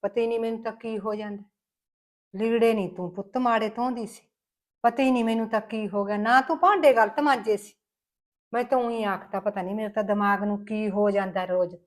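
A woman's voice: high-pitched, normal speed, a bit bright. A woman with a Malwai Punjabi accent playing a grumbling, scolding village mother-in-law in a comic skit. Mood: remorseful. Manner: scolding, rustic and emphatic.

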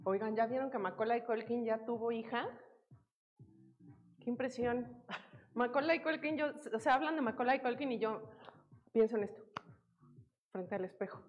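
Coinstructora mexicana, voz aguda, platicadora y bromista. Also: female voice, fairly high pitch, normal speed, long pauses, muffled recording. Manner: playful, greets viewers by name. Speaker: fitness instructor. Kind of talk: live online workout class.

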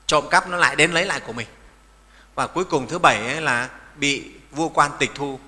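A man's voice: fairly high pitch, brisk, pushed and bright, big-room sound. A middle-aged man, a Buddhist monk giving a sermon in a folksy manner, often asking his listeners questions.

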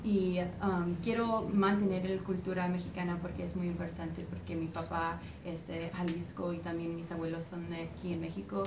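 A young woman, a singer whose first language is English, answers interview questions in a dim indoor room, hesitating as she searches for words. Her voice sits on the low side, with a level tone, moderate pace and few pauses. A far-off camera mic picks her up in an echoey room with clear background noise.

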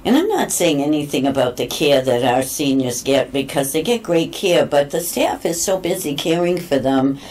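A woman guest on a talk show telling rambling, animated stories about her visits. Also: low-pitched, moderate pace, few pauses, slight background noise, low-quality recording. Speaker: guest, cat therapy visitor. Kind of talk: casual interview chat.

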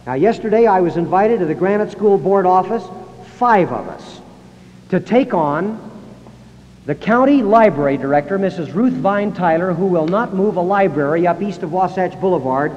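A man delivers an emphatic public speech in a high school hall and acts out the voices he quotes. His voice sits somewhat high for a man. The long reverb of the hall and the dull sound of 1960s analog tape surround him. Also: lively intonation, moderate pace, darkish tone. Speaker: speaker.

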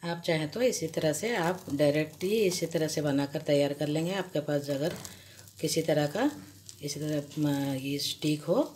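A woman with a low voice talks the listener through a home recipe, slow and patient, pausing and restarting as her hands work. The kitchen is noisy, with clear sizzling and frying behind her. She sounds like she is speaking off-camera above the stove. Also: a little mellow. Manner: slow, patient explaining with many pauses and restarts. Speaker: cooking vlogger. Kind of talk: step-by-step cooking instruction. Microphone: camera above the hands, speaker off-screen.

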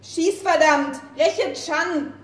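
A hot-tempered young male fighter bent on revenge, read by a woman, barking orders in a high voice that drags each word out slowly. It is a staged play reading, recorded live in a roomy café with the sound bouncing around. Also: exaggerated voice. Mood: enraged. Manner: furious, shouting demands. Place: café venue.

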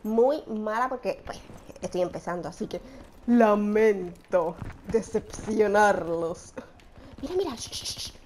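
Excitable gamer woman. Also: medium pitch, fairly quick, slight background noise. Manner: excitable, shouts and shushes as she plays. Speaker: gaming channel host. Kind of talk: live gameplay commentary.

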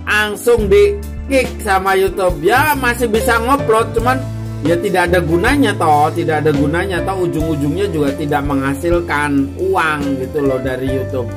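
A fairly high-voiced man chats loosely in a casual vlog, joking and repeating himself as he calls out to bro, guys, ma'am and sir. Clear music plays behind his voice throughout. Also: normal speed. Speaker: YouTuber giving tips to beginners.

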